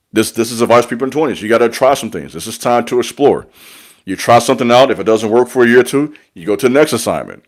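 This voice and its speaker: A young man giving an earnest, repetitive motivational talk on spiritual growth, speaking like a preacher to his followers. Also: mid-range voice. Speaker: online spiritual mentor.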